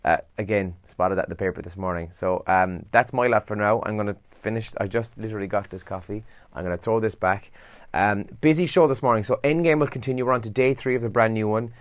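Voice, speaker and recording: Speaking quickly in a lowish voice, a man with a Kerry Irish accent hosts a breakfast radio show from the studio. He chats casually through the morning papers, adding asides and rhetorical questions. There's no echo on the sound.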